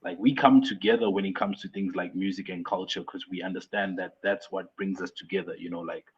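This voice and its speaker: A man's voice: sits low, steady tone, brisk, breathy edge. A young man from South Africa, a guest artist on a video call, explains things casually with lots of fillers and restarts. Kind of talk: casual interview chat. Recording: muffled lo-fi remote audio.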